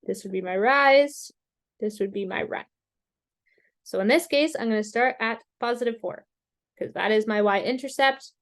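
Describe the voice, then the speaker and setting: A woman math teacher explaining graphing step by step in a slow, patient way, with self-deprecating asides, and she has the hiccups. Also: fairly high pitch. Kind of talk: recorded screen-share math lesson.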